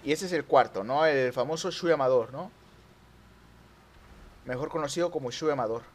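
A young man with a Mexican accent commentating his own online racing gameplay, excitable and yelping at near misses. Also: mid-range voice, normal speed. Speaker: gaming YouTuber.

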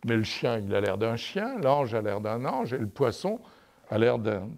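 A man lecturing on artistic anatomy at a university and talking through projected slides. His delivery is halting, with frequent "euh" and restarts, and he ends many phrases with "n'est-ce pas?". He uses the easy tone of a storytelling lecturer. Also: medium pitch, very animated, gravelly, a little mellow. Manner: tells a story and asks "n'est-ce pas?" over and over.

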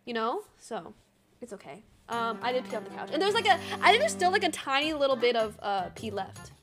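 A woman's voice: on the high side, big pitch swings, a little fast, over music. A woman streamer chatting casually to her viewers, rambling and giggly with lots of fillers.

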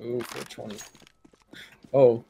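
A man's voice: mid-range voice, level tone, takes it slowly, creaky, heavy background noise. A teenage boy chatting casually while playing a shooter game, goofy and prone to bursts of laughter. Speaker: gamer. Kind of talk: casual gaming chat.

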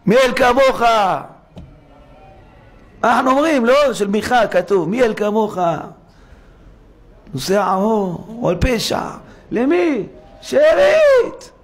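A male rabbi delivers a sermon in a synagogue study hall, his high voice broken by long pauses. He is dramatic, acting out complainers through rhetorical questions.

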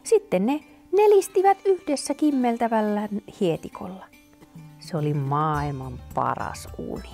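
A woman reading a children's picture book aloud in a gentle, animated storytelling manner. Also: mid-range voice, creaky, faint music behind.

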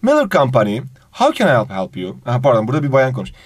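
Animated male English teacher. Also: mid-range voice, quick pace, slightly rough, no echo. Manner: reads English phrases, then translates them, addressing the student fondly; animated intonation. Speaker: English teacher for exam prep. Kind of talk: exam review lesson.

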